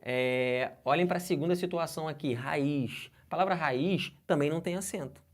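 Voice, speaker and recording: A Brazilian man teaches grammar for an exam-prep course. He talks with lively energy, keeps asking his students questions and slowly draws out the example words. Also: fairly high pitch. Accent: Brazilian Portuguese.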